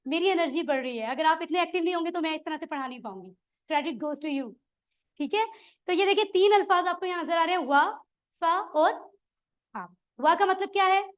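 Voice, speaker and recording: A woman's voice: extremely high pitch, lively intonation, brisk, lo-fi sound. A woman teaching a Quran Arabic class, encouraging her students and quizzing them. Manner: encouraging, asks the class questions. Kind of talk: classroom lesson.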